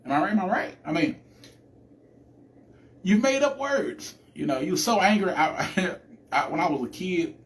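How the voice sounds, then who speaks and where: Male podcast host, lively swinging delivery, pitched a bit high, preachy casual monologue. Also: moderate pace, pauses often. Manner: animated, chatty, preacher-like cadence with many restarts.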